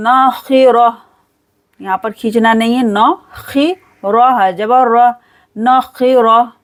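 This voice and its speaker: Spelling the letters first, this woman then recites each word slowly and at length as she guides a step-by-step Quran recitation lesson. Her voice is slightly high.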